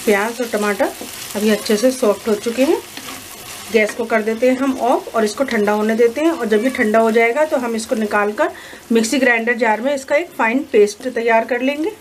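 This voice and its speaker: Calm woman talking through a recipe. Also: fairly high pitch, a little hiss or hum. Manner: calm, instructive, measured. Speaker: cooking channel host. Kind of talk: step-by-step recipe voice-over. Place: home kitchen.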